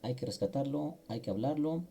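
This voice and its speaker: A man's voice: mid-range voice, animated, fairly quick, creaky, warm tone, a little hiss or hum. A middle-aged man, patiently explaining a language lesson step by step, with small fillers as he goes. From Mexico. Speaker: language teacher. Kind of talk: online grammar lesson.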